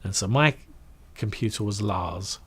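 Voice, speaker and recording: Brief: middle-aged Englishman, lowish voice, chatty storyteller who acts out the voices he quotes. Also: a little slow, breathy edge. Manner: animated, acts out quoted voices, trails off into asides. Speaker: guest recounting his career. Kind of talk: casual anecdotal storytelling.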